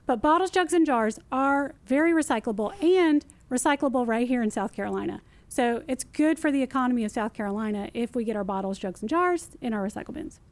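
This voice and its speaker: A woman, a recycling expert explaining things in a casual interview, lively and emphatic, repeating her key phrases. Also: a little high, brisk, hardly any pauses, dry recording. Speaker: city recycling guest expert.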